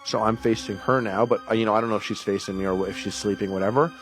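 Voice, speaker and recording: A man's voice: lowish voice, steady tone, very fast, over music. Young man telling a rambling anecdote. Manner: loose, rambling, many "like" fillers. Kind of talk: casual spoken anecdote.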